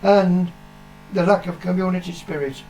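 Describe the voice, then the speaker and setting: This older British man is the vlogger's father and is being interviewed. His high-sitting, darkish voice holds a steady tone at a moderate pace as he bluntly shares his views, swearing and repeating himself for emphasis. Soft background music plays, and the recording is low quality.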